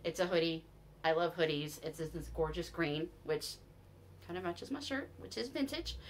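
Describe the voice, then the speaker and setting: A woman's voice: mid-range voice, pushed and bright, slight background noise. A woman in her forties with a Utah American accent, chatting enthusiastically to camera in a shopping haul video from a small room at home. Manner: chatty and enthusiastic, with frequent restarts and "you guys". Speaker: vlogger. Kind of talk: casual haul chat to camera.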